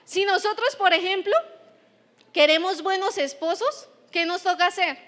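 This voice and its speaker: A woman's voice: very high voice, normal speed, a bit bright. A Colombian woman pastor in her thirties giving a chatty sermon in church, often checking in with the congregation. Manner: chatty, keeps asking the congregation "right?". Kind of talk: conversational sermon.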